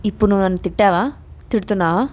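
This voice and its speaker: A woman's voice: medium pitch, fairly even intonation, darkish tone, natural voice. A woman doing a grave young gangster. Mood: stern. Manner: grave and slow. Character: menacing young man, gangster, gruff.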